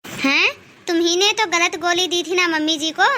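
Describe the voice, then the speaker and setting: A woman's voice: extremely high pitch, moderate pace, bright, forceful tone, slight background noise. Woman voicing a snappish sister-in-law. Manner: snappish, dismissive. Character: sharp-tongued young sister-in-law, rude and lazy.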